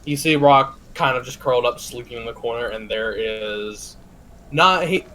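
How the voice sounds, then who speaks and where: A man's voice: mid-range voice, moderate pace, pushed and bright, low-quality recording. A man running a tabletop game as game master, narrating casually and loosely, with frequent swearing and restarts. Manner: loose, profane, trails off and restarts.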